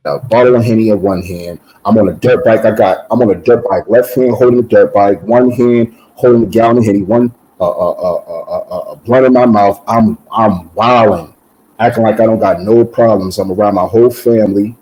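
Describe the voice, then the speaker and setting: Low, mellow-voiced man telling his story. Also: fairly quick, low-quality recording. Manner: animated, repeats words and restarts with many "um"s. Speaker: guest giving a testimony. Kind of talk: casual personal storytelling.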